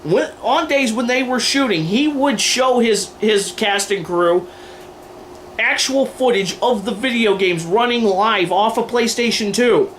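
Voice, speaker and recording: A video commentator with a high-pitched, slightly bright voice delivers opinionated, scripted-style commentary with ad-libs, stressing points emphatically with a sardonic edge and crude humour. He records indoors on a home camera in front of a running TV, and clear background noise comes through.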